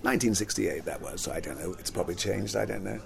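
In a quick, low voice with vocal fry, an older actor and singer looks back on his life in a relaxed interview. Born in Jamaica and raised in London, he rambles, repeats words, and laughs often.

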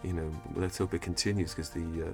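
A man guesting on a casual studio interview, chatty and wry, halting with fillers. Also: sits low, flat delivery, over music. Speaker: actor guest. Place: recording studio.

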